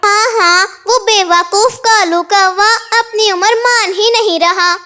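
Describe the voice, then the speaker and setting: Cartoon: sensible, no-nonsense female sparrow, bright and piping, a woman voicing her. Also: very high-pitched, fairly even intonation, slow pace, heavily acted. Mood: chiding. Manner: matter-of-fact, gently chiding. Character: frank sensible female sparrow, calm and blunt. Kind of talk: cartoon voice acting.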